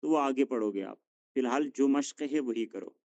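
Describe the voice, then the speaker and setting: A man leads a classroom drill, patient and encouraging, correcting students gently. His voice sits at a middling pitch. The sound is dry and close, with no room echo. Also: normal speed, lo-fi sound. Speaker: Arabic teacher.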